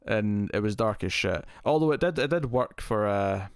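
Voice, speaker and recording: A man with a fairly low voice hosts a casual live stream. He rambles easily as he answers viewers and thinks aloud. The sound is close and very dry, heavily compressed so that his level stays constant. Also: expressive, normal speed, smooth, no echo. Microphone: close streaming mic with compressor.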